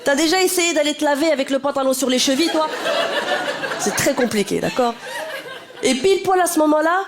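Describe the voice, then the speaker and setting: A woman comedian performs live stand-up, direct and energetic, speaking straight to the audience. Her voice sits high. Crowd noise and laughter fill the live recording. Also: a little fast. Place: on stage before a live audience.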